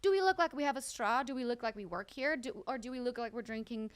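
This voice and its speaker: A young adult woman co-hosting a comedy podcast, telling a story with lively, exaggerated quotes. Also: fairly high pitch, quick pace, smooth. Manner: animated, acts out quotes in an exaggerated voice. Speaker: podcast co-host.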